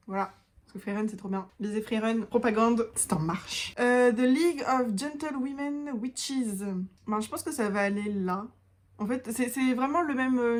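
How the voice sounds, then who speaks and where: A woman's voice: fairly high pitch, darkish tone. A woman book vlogger chatting casually through a tier-list review of her reads, thinking aloud with hesitations, enthusiastic and self-mocking.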